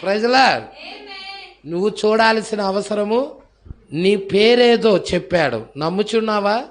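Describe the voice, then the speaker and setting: A man preaching a fiery sermon. He breaks into shouts and hallelujahs and tells a story by acting out its people. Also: high-pitched, lively intonation, a little slow. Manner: acts out characters' voices in his storytelling. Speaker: pastor.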